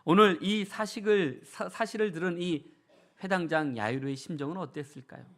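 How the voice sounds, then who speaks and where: Earnest preaching man, fairly high voice. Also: moderate pace. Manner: earnest preaching with many rhetorical questions; swings between soft and raised emphatic delivery. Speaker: pastor. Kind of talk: sermon. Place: church sanctuary.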